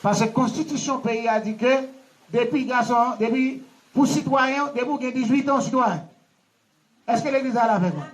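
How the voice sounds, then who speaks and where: A man's voice: very high voice, rough recording. A man with a Haitian accent, a pastor preaching a wedding sermon in call-and-response, asking the congregation questions and having them repeat after him. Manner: laughing, teacherly questioning.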